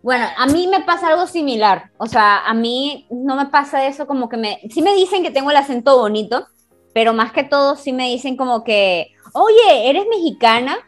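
A young woman with a Venezuelan accent and a fairly high voice, bubbly and teasing, who laughs often as she chats. Faint music sits quietly behind her. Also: fairly quick. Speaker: podcast co-host. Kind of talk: casual chat.

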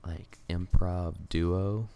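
A man's voice: sits low, fairly even intonation, drawn-out words, creaky, dark tone, clear, resonant tone. A young man, a college student, telling a story in easygoing casual chat with many fillers. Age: young adult.

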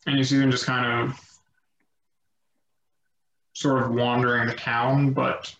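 A man narrating as game master of a tabletop game, slow and halting with many fillers. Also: medium pitch, level tone, a bit bright, reverberant, muffled recording, a little hiss or hum.

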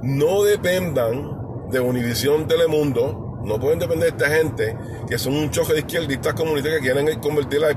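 A man's voice: on the high side, background noise. A man from New York giving an emphatic, blunt, repetitive political commentary in a casual monologue. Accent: New York Spanish speaker. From New York, USA.

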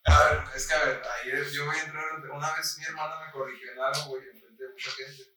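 A man's voice: fairly high pitch, little pitch movement, fast. A young Mexican man co-hosting a podcast in casual chat, rambling and slangy, dropping "güey" into almost every sentence. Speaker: podcast co-host. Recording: echoey room, far from the mic, faint noise.

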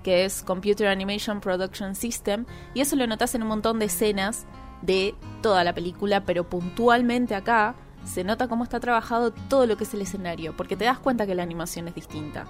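A woman's voice: medium pitch, fairly quick, faint music behind. Analytical woman explaining. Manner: explanatory, analytical about animation. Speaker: podcast co-host. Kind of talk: casual chat.

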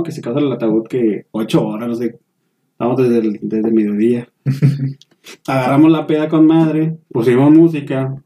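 A young man with a Mexican accent telling a story in relaxed, slangy casual chat. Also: mid-range voice. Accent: Mexican Spanish. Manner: slangy, laid-back storyteller. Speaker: podcast guest.

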